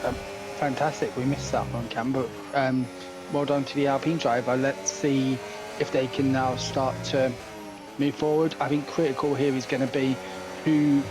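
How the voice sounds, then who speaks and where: A man's voice: mid-range voice, little pitch movement, normal speed, over music. A man giving conversational motorsport commentary on a sim race as the analyst, reasoning through tactics.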